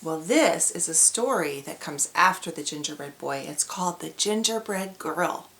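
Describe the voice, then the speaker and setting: A woman's voice: low-pitched, lively intonation, moderate pace, fairly bright tone. A woman reads a picture book aloud to young children. Her delivery is exaggerated and cheery, aimed squarely at little kids, with questions for the listeners along the way. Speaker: storyteller reading to children. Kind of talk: animated children's read-aloud.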